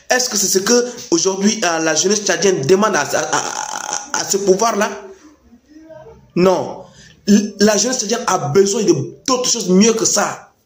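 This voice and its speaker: High-pitched man in an echoey room, emphatic commentary. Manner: emphatic, repeats phrases for stress. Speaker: political commentator addressing youth. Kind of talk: impassioned informal political commentary.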